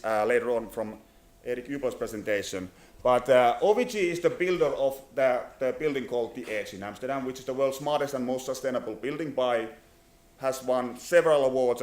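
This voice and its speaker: A Finnish man in his thirties with a Finnish accent presents for his company at a conference venue, speaking at medium pitch. His business talk is halting, full of fillers and restarts.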